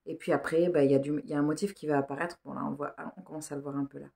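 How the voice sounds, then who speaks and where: Female vlogger, slightly low pitch, informal rambling delivery with a searching, hesitant flow. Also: steady tone, rapid-fire, gravelly, dark tone. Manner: informal, hesitant, thinking aloud. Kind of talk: casual rambling vlog chat.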